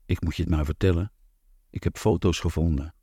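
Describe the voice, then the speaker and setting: A man's voice: low voice, steady tone, a little fast, mellow, slightly rough, no echo, clean studio sound. A man reading aloud voices a young wife with a flustered, girlish way of talking, in a raised voice. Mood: confiding.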